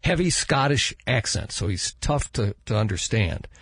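An older American man hosting a podcast, telling stories in a casual, rambling, halting way at a close microphone. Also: lowish voice, animated, fairly bright tone, breathy edge. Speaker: podcast host. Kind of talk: casual chat. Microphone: close studio microphone.

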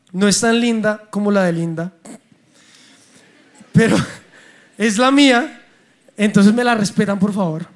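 A young man with a Colombian accent, preaching a sermon and telling personal stories in an animated, humorous way. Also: high-pitched. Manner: animated, humorous storytelling with acted dialogue.

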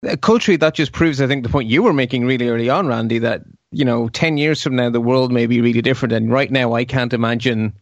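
A man's voice: medium pitch, fast talker, hardly any pauses, dry recording. Man, Irish accent, podcast co-host, hesitant, repeats words, dry dull recording. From Ireland. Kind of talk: casual panel chat.

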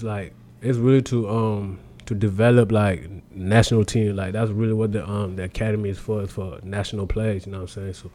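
A man's voice: lowish voice, mellow. A young man from South Sudan, raised in Australia, talking casually as a basketball player guest in a laid-back, slangy way. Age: young adult. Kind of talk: casual interview.

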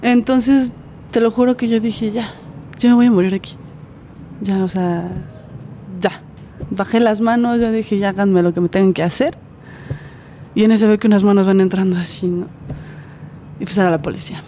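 A woman's voice: medium pitch, fairly even intonation, normal speed, long pauses, mellow, a little hiss or hum. A woman with a Mexican Spanish accent, an interview guest giving an earnest personal testimony and vividly acting out what others said.

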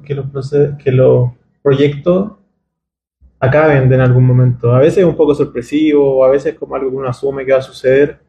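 A man's voice: mid-range voice, gravelly, reverberant, muffled recording, slight background noise. A man from Chile, a guest illustrator, talking reflectively and hesitantly in a casual interview in a booth at a festival. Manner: reflective, hesitant, searching for words.

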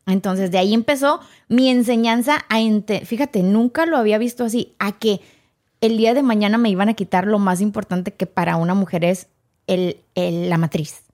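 A woman tells her own story as a podcast guest, her voice sitting in a middle register. She talks in an animated way and acts out the people in it, switching into their voices as she goes. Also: mid-range voice, normal speed. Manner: animated, acts out quoted dialogue. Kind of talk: emotional personal storytelling.

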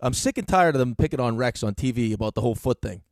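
A man co-hosting a sports radio show, ribbing his partner and laughing often in quick, casual banter. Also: medium pitch, lively intonation, a little mellow, dry recording.

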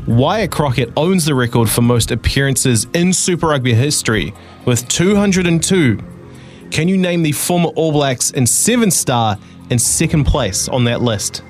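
A man's voice: medium pitch, lively intonation, normal speed, soft background music. New Zealand man hosting a casual radio quiz. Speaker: radio sports desk presenter and quizmaster.

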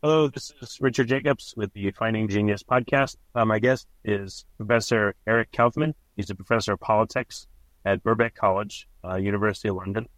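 A man's voice: fairly low pitch, fairly even intonation, a little fast, a bit bright, no room sound, low-quality recording. A man hosting a podcast, asking interview questions in a plain, conversational way. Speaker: podcast host.

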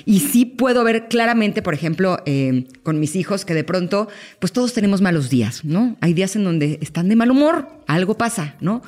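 A woman, a guest in a casual podcast conversation, talking expressively and acting out quoted voices. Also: normal speed. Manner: expressive, acts out quoted voices with sudden high exclamations.

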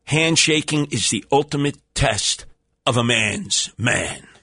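A man hosts talk radio in a New York accent, his voice bright and punchy in a dry studio sound. He rambles through comic monologue with bombastic, theatrical delivery. His streetwise speech is full of colourful coinages. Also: medium pitch, lively intonation, takes it slowly, dry recording.

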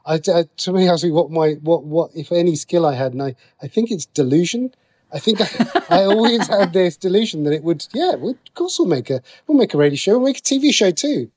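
This man, a TV and radio writer, appears as a guest in a casual interview. His voice is high, expressive and darkish in tone, and he speaks briskly, thinking aloud and frequently rephrasing as he goes.

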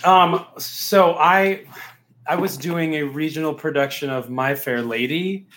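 Animated male storyteller, high voice, roomy sound. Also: a little slow, slight background noise. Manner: animated storyteller, laughs through the tale. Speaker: stage actor telling an anecdote. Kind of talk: casual chat.

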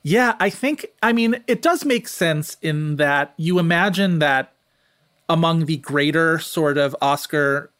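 A man's voice: a little high, measured pace, fairly bright tone, smooth, dry recording, clean studio sound. A man talking casually and analytically as a podcast panelist, discursive and often interrupting himself. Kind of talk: casual analytical film-awards chat.

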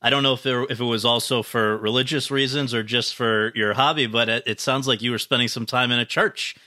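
A man's voice: mid-range voice, fairly even intonation, fairly quick, bright, forceful tone, no room sound, studio quality. A man hosting a podcast, reading a prepared introduction and then asking earnest, well-prepared questions. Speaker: podcast host. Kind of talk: scripted intro then interviewing.

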